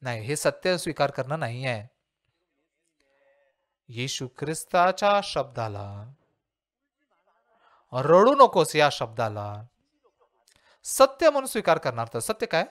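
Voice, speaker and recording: A man's voice: medium pitch, big pitch swings, a little slow, long pauses, fairly bright tone. A male pastor preaching a sermon and asking his listeners rhetorical questions.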